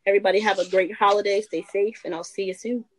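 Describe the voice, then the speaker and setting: A woman's voice: medium pitch, steady tone, fast talker, dry recording, poor audio. A woman council member giving effusive thanks during a video call meeting. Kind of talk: meeting remarks.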